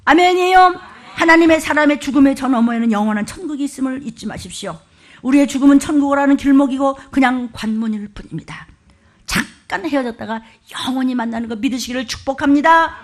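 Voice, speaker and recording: A woman's voice: high voice, fast talker. A middle-aged woman pastor preaching a sermon, fervent and scolding, with sudden commanding outbursts.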